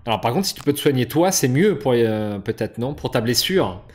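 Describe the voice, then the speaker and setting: A man's voice: medium pitch, lively intonation, fairly quick, a little mellow, a little hiss or hum. A man hosting a board game session, casually explaining rules and moves with frequent hesitations and restarts. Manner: hesitant, many fillers and restarts. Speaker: board game channel host.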